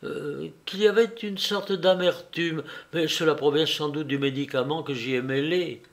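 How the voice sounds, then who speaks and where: Man doing a young woman, soft, hesitant, slightly raised pitch, storybook reading. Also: normal speed, close to an everyday voice. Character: young rich woman, frightened and in pain.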